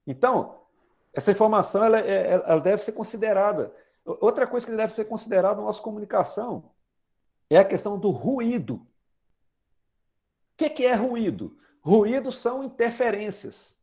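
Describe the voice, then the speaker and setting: A man's voice: high voice, animated, normal speed, gravelly, a little mellow. A Brazilian man in his forties preaching a chatty sermon, asking the congregation questions and using everyday examples. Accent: Brazilian Portuguese. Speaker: lay preacher. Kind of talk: conversational sermon.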